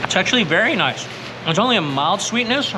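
A man's voice: sits high, very animated, fairly quick. A man chatting with his mouth full as he tastes food and gives an enthusiastic casual review. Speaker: food vlogger. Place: barbecue restaurant. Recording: noisy room tone.

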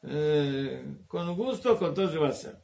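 Gravelly high-voiced rabbi teaching Talmud. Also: male voice, animated, darkish tone. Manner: halting, searches for words, mixes in Hebrew terms. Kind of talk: Torah class.

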